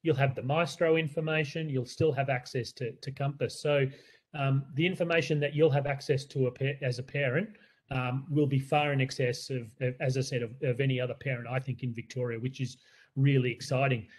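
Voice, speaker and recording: A man's voice: medium pitch, fairly even intonation, fairly quick. An Australian man who leads a school, presenting to parents in an earnest, conversational way with many fillers and restarts. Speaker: school leader.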